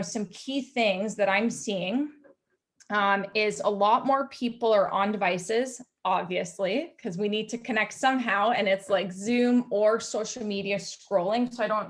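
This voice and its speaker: A woman physiotherapist in her thirties talking frankly on a video call panel, with plenty of "like" and "you know". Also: medium pitch. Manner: frank, filler-heavy, many "like" and "you know". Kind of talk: casual panel chat.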